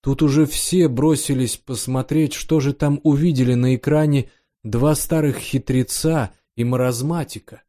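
A man reading a science fiction audiobook aloud in a steady, expressive narration. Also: medium pitch, normal speed.

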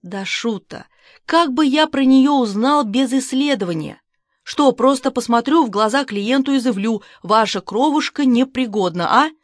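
A self-assured, mocking male doctor from an audiobook, as a woman reads him, a little high in pitch. He sounds smug and sarcastic. The recording is dry and close. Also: expressive, normal speed, no room sound, lightly acted.

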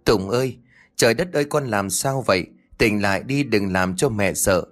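A man's voice: lowish voice, moderate pace, faint music behind, lightly acted. Man voicing a frightened village mother in an audio ghost story, begging. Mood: panicked. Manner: panicked, begging.

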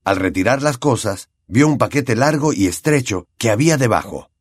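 A man with a Latin American Spanish accent reading an audiobook with expressive storytelling, on a close studio mic. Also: medium pitch, moderate pace, dry recording. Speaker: audiobook narrator. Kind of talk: scripted narration.

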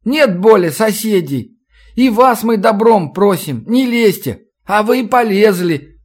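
A man's voice: sits high, lively intonation, takes it slowly, voice pushed up, exaggerated voice. A man voicing a frightened, sniffling teenage boy from a swamp village who speaks in rustic folk dialect. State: tearful, sniffling.

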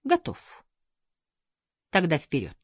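A woman's voice: deep voice, huge pitch swings, takes it slowly, husky, no echo, full character voice. A woman playing an icy, curt young woman. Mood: cool. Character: cool, guarded young woman, sharp-tongued.

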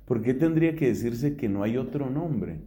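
A man's voice: medium pitch, lively intonation, normal speed, warm tone. A middle-aged man from Colombia, a priest giving a theology lecture, who explains step by step and poses rhetorical questions that he answers himself.

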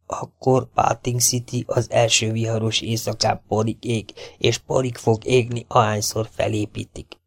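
A man reading the lines of a quiet, menacing young outlaw in an audiobook, keeping his voice hushed and low. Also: level tone, no echo, clean studio sound. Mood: threatening.

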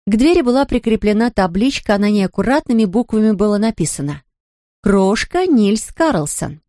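A woman narrating a children's story in a gentle, steady storytelling manner. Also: medium pitch, fast talker, dry recording, clean studio sound.

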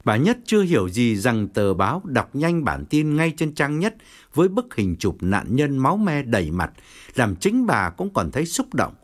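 A man narrating an audiobook story with expressive storytelling. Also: medium pitch, normal speed. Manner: expressive, wide-ranging storytelling.

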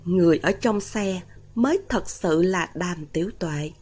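A woman voicing a calm, knowing young male exorcist in a storybook reading, explaining patiently. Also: fairly low pitch, measured pace, slightly rough.

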